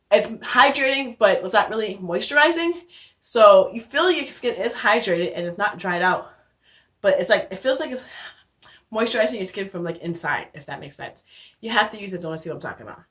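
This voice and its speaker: A woman's voice: mid-range voice, fairly bright tone. Breathless chatty young woman vlogger. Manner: chatty, with many fillers and restarts. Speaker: beauty vlogger. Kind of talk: casual skincare tutorial.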